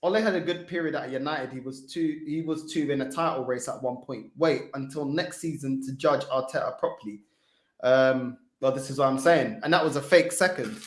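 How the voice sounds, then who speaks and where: A man's voice: mid-range voice, a little fast, echoey room. A man hosting a football fan call-in, teasing and slangy, chatting casually and reading out comments.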